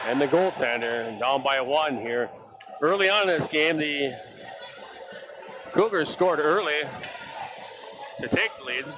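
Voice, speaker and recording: A middle-aged man calling live hockey play-by-play, with excitable calls that jump high on big saves. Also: unhurried, long pauses, music in the background. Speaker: play-by-play announcer. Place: ice arena broadcast booth. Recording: noisy arena stream.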